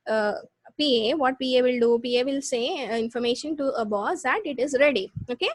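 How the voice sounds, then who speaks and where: South indian lady teaching online, pretty high voice, close dry sound, keeps repeating and restarting her sentences. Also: no room sound. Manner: repetitive explaining, halting and restarting. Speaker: computer science lecturer. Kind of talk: live online lesson with check questions.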